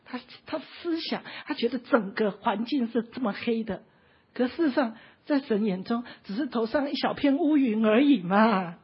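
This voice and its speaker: A woman with a husky, fairly high voice and lively intonation preaches an emotional sermon at a moderate pace. She is impassioned and often near tears, sprinkling her sentences with little "ha" tags. The recording is dull and lo-fi.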